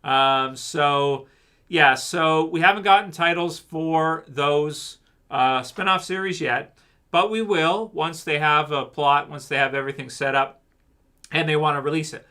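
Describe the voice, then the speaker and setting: A Canadian man hosts a livestream, rambling casually, cracking jokes and talking back to his chat. His voice sits a little high and moves a little slowly, with a sharp yet smooth tone.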